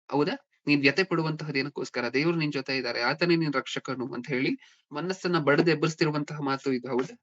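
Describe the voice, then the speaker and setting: Preacher man with a fairly high voice. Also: a bit bright. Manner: asks the listeners frequent rhetorical questions. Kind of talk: sermon. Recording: dull lo-fi recording.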